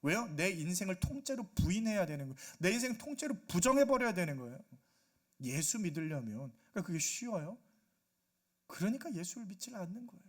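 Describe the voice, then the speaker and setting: A man preaching a Sunday sermon as pastor, animated, acting out quoted voices and asking the congregation questions. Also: sits high, brisk. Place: church sanctuary.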